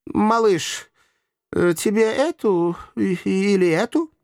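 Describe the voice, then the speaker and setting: A man's voice: sits high, takes it slowly, a little mellow, no room sound, clean studio sound, pitched above the performer's own voice. A man voicing a gallant, theatrical young nobleman with florid, mock-courteous speech. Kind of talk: audiobook character voice.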